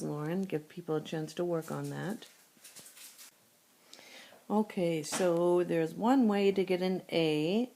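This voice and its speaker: Low mellow-voiced woman teaching math. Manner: steady step-by-step explaining, thinking aloud. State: sore throat. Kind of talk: screencast math lesson. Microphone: tablet screencast recording.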